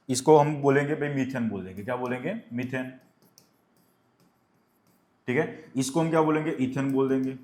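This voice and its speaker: A male chemistry teacher lecturing a class, who asks questions and answers them himself and dictates definitions slowly. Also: medium pitch, a little mellow, reverberant.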